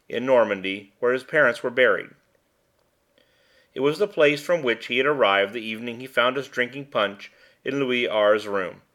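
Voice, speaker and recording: An audiobook reader, a man with a mid-range voice, narrates a short story from a script in a measured, even reading voice.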